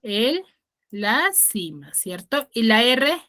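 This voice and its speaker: A woman's voice: on the high side, very animated, slow pace, pushed and bright. A woman teacher giving an online class, explaining patiently and checking on her students with frequent questions. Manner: patient, explanatory, stresses key words.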